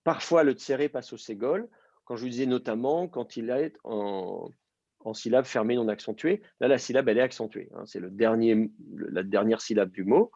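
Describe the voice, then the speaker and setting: A man's voice: medium pitch, moderate pace, creaky, a little mellow, no room sound, muffled recording. A man teaching a language class, explaining step by step and quizzing his student. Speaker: Hebrew teacher. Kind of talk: live class instruction.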